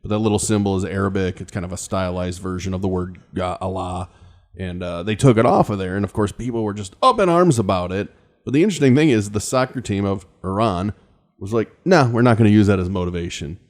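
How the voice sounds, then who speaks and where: A man with a low voice talks easily on a talk show, relaxed and chatty, softening his points with hedges as he explains. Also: a little fast. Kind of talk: casual talk show chat.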